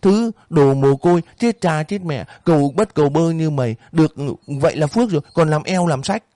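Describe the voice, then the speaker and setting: A man's voice: on the high side, expressive, normal speed, mellow, no room sound, studio quality, voice pushed up, lightly acted. A man voicing a stingy, cruel and cowardly older woman landowner in an audiobook reading, scolding shrilly and pleading in a panic.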